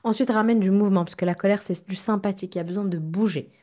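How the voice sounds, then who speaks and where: Woman therapist hosting a podcast monologue, mid-pitched and warm, direct coaching manner. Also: steady tone, fast. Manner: direct, speaks straight to the listener with frequent "ok?". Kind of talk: self-help podcast monologue.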